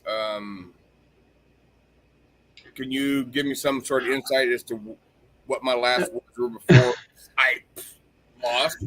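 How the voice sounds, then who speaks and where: A man's voice: mid-range voice, steady tone, slow pace, long pauses, a bit bright. A man hosting a livestream, chatting casually and swearing freely as he rants. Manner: profane, rambling, heated when ranting. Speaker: stream host.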